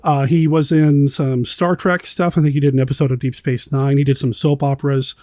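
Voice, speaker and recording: A man's voice: mid-range voice, level tone, brisk, mellow, no room sound, studio quality. A man hosting a podcast, chatting enthusiastically about a film, rambling a little with restarts. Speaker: podcast host. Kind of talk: casual film discussion.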